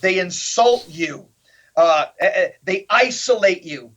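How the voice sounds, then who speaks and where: A man's voice: high voice, expressive, slow pace, fairly bright tone. A man speaking as a guest in an interview, talking in an emphatic, punchy way and throwing in rhetorical questions. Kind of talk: animated political interview talk. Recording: slightly dull lo-fi audio.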